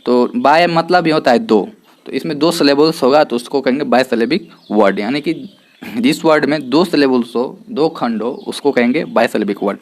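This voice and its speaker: A man teaching a lesson in Hindi, dropping English terms into his speech. He poses his own questions and answers them right away. He draws out each example word and says it several times. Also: medium pitch. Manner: repeats example words slowly, asks and answers own questions. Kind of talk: explanatory classroom lesson.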